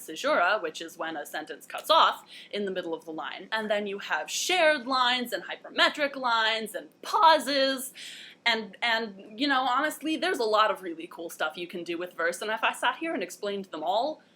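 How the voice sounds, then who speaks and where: A woman's voice: medium pitch, sharp tone. A young woman hosting a casual educational vlog, chatty, playful and enthusiastic. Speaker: host.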